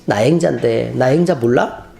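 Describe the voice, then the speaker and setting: A preacher voicing a spirit that poses as a dead young woman, speaking low and pleading through tears. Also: normal speed, vocal fry, dark tone, reverberant, a little hiss or hum.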